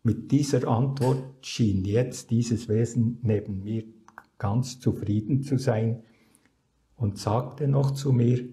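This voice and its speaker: Slow gravelly older man. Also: mid-range voice, warm tone. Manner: halting, with repeated restarts. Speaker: interviewee recounting a near-death experience. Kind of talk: slow personal recollection.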